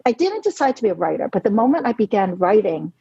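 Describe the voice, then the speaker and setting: With a medium pitch but big swings in it, she talks quickly in a warm, creaky voice with a breathy edge. This novelist in her forties, born in Hong Kong and raised in New York City, tells her story in an earnest, reflective podcast interview, saying "you know" often. The sound is dry, dull and lo-fi, with no echo.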